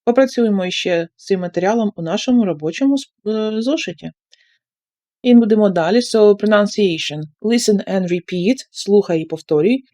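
A woman's voice: mid-range voice, moderate pace, dark tone. A woman English teacher with a Ukrainian accent, leading an online textbook lesson and repeating each instruction in Ukrainian. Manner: explains each step, then repeats it in Ukrainian.

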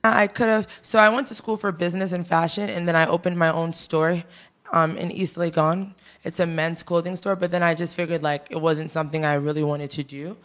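A young woman singer from Ghana who was raised in the United States answers interview questions casually in a studio with a teal backdrop. She holds a handheld mic close to her mouth. Her lowish voice is steady and brisk, and she's easygoing, using many fillers like "you know" and "um".

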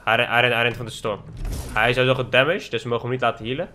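A man's voice: medium pitch, fairly even intonation, very fast, pushed and bright, a little hiss or hum. A young man giving playful, trash-talking gameplay commentary as a gaming YouTuber, slipping English slang into his talk.

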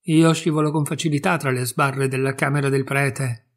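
A man voicing a tiny, bold and cheeky boy hero who shouts and boasts, in a storybook reading. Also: mid-range voice, fairly even intonation, moderate pace, natural voice. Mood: bold shouting.

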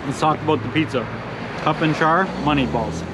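A man's voice: a little high, moderate pace. A man reviewing pizza while chewing, speaking in short enthusiastic verdicts. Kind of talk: casual food review vlog. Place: outdoors by a busy street. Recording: outdoor traffic noise.

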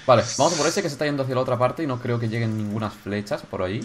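Excitable gamer narrating his game. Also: mid-range voice, racing, background noise. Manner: excitable, swears, shouts when startled. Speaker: gaming YouTuber. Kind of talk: casual gameplay commentary.

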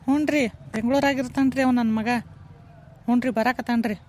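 A woman's voice: on the high side, steady tone, moderate pace, warm tone, slight background noise, natural voice. Woman doing a nagging village mother. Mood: fussy. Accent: North Karnataka Kannada. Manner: scolding and nagging. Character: fussy, doting village mother, middle-aged woman. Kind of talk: cartoon voice acting.

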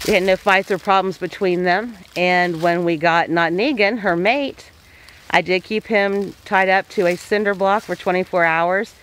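A woman's voice: lowish voice, slight background noise, rough recording. A woman homesteader giving a casual voice-over, plain-spoken and folksy with homey farm phrasing.

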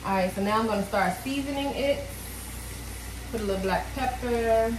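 A cooking vlogger with a slightly high voice chats at a moderate pace as she cooks, thinking aloud loosely and filling gaps with fillers. It's a casual cook-along recorded on a camera sitting on the counter in her home kitchen. The room echoes, and food sizzles and fries in a pan behind her.

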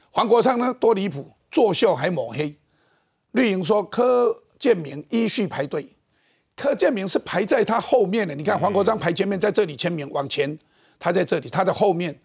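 A middle-aged man with a Taiwanese Mandarin accent, hosting a political talk show with animated, mocking commentary. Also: high-pitched, gravelly, slightly rough.

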